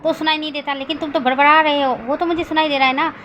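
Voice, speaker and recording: A woman voicing a calm young mafia husband who answers in a fond, gently teasing way in a storybook reading. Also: high-pitched, rapid-fire, dull audio, slight background noise.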